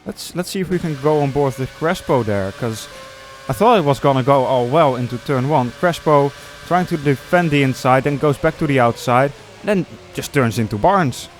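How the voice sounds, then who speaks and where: A male motorsport commentator calls sim racing live over background music and engine sounds. His delivery is conversational, with hesitant analysis that can lift into excited play-by-play. His pitch is middling for a man. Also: moderate pace, few pauses.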